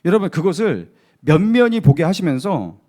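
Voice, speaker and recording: A man's voice: on the high side, big pitch swings, normal speed, a little mellow. A male pastor preaching a sermon, emphatic, asking the congregation rhetorical questions.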